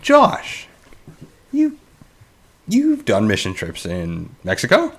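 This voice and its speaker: A man's voice: fairly low pitch, huge pitch swings, a bit bright, slightly rough. A young man co-hosting a casual podcast, playfully asking a friend questions. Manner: playful interviewer, asks quick questions. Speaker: podcast co-host. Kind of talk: casual chat.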